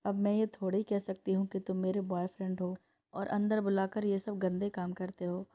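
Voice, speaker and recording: A lively young woman, voiced by a woman narrator chats and protests in a storybook reading. Her pitch stays narrow and level. The sound is muffled and lo-fi. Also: natural voice. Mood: chatty. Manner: chatty, quick to protest. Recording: dull lo-fi recording.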